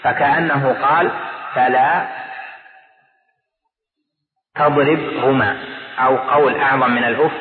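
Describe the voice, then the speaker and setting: A man's voice: medium pitch, fairly even intonation, unhurried, long pauses, a crowd in the background. A man teaching as a sheikh, explaining a classical text step by step, repeating key terms and checking that his students follow. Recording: echoey lecture hall, tinny lo-fi audio, audience present.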